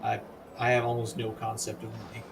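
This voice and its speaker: A man's voice: lowish voice, completely flat delivery, a little fast, vocal fry, noisy background. A man talking casually as a player in a tabletop game. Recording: distant mic with music behind.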